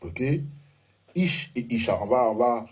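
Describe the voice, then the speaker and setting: A man with a husky, medium-pitched voice gives an informal Bible and Hebrew lesson over slides. He speaks expressively and without hurry, often hesitating and repeatedly checking in with his listeners.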